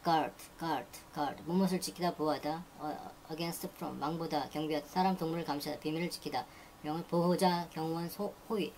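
A woman teaching English vocabulary, briskly repeating each word and reading its dictionary meanings one after another. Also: sits low, fairly even intonation, a little mellow, a little hiss or hum. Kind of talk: reading dictionary entries aloud.

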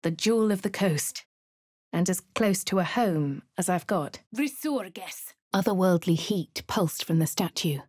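Voicing a well-to-do young female adventurer with a posh English accent, a woman shifts from soft inner monologue to whispers to shouted spells in these game lines. Her lowish voice is animated yet a little slow and brooding, captured as a dry, clean studio recording.

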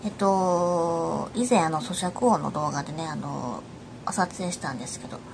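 A woman with a lilt murmurs and whispers close to the mic, chatting casually as she eats, a candy apple pressed at her lips. A steady low rumble sits clearly behind her voice. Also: normal speed. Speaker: ASMR eating vlogger. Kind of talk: whispered ASMR snack eating.

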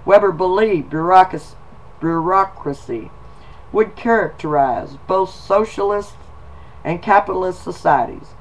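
A man talking casually to viewers and telling a folksy story in an unhurried, drawling way. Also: high voice, slight background noise, low-quality recording. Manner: folksy, slow, drawling delivery with y'all and 'em. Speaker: video blogger.

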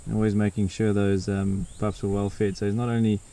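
Low, mellow safari guide, male. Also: level tone, fairly quick, vocal fry. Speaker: safari guide and wildlife vlogger. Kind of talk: casual wildlife narration to camera. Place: outdoors in open bush, from a safari vehicle. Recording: outdoor recording with insect and nature noise. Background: faint crickets and bush ambience.

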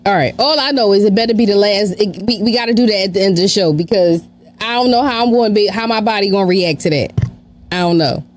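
A woman's voice: mid-range voice, fast. A woman in her thirties co-hosting a podcast, chatting casually into a close studio microphone. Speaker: podcast co-host. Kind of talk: casual chat. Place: small indoor podcast studio.

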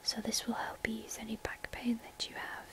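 A woman playing a gentle, soothing spa massage therapist in a soft-spoken whispered role-play, slow and reassuring. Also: a little high, monotone.

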